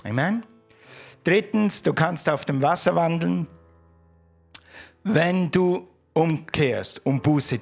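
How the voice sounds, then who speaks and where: A man's voice: on the high side, vocal fry, slightly rough. A male pastor preaching a sermon, emphatic, repeating key phrases and calling on the congregation to answer him.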